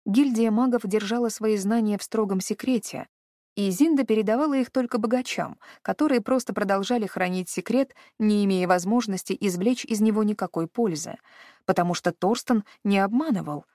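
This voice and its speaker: Female audiobook narrator, steady fantasy reading, dead-dry studio. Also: medium pitch, fairly quick, no room sound.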